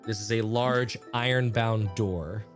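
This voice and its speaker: A mid-pitched game master narrates a fantasy tabletop session. The delivery shifts between playful banter and deliberate description, with music playing underneath.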